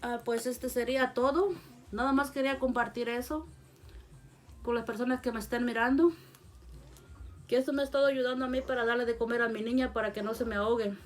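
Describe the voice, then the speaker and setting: Soft-spoken mother coaxing her baby. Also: fairly high pitch, fairly even intonation, a little fast, a little hiss or hum. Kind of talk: casual home video talk. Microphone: phone held by someone else.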